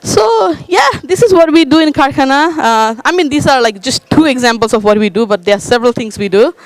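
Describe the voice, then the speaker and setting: A woman's voice: high voice, expressive, fairly quick, dry recording, rough recording. A woman from Nepal presenting at a conference panel, hesitant with many uhs and likes. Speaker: panel speaker.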